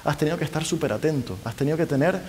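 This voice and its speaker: A middle-aged man lecturing a live audience, his fairly high voice carried by a long hall reverb. He talks in an animated way and keeps tossing quick questions back at the crowd. A faint hiss sits under the recording. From Spain. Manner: lively, keeps asking the audience rhetorical questions. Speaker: university lecturer.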